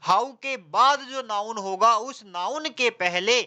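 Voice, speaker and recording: A man teaching an exam-prep class, lively and questioning, who keeps asking his students questions and answers them himself, reading English examples slowly. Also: very high-pitched, clean tone. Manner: mixes casual slang with slow, drawn-out English example sentences. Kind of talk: classroom lecture.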